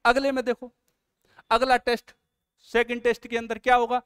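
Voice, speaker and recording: A man's voice: extremely high pitch, monotone, moderate pace, a bit bright, clean tone, dry recording, clean studio sound. A man, an exam coaching teacher, walking students through a test series in an earnest, coaxing way. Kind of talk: promotional explainer lesson.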